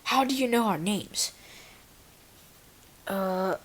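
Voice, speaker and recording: A woman reading her first-person fan fiction aloud in a halting way, breaking off for casual asides to her viewers. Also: mid-range voice, lively intonation, slight background noise. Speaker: story reader and channel owner.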